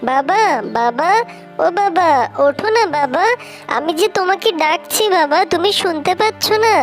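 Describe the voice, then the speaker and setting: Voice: extremely high pitch, lively intonation, normal speed, soft background music. A woman voicing a young female fox daughter in a cartoon, pleading and sobbing. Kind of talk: cartoon voice acting.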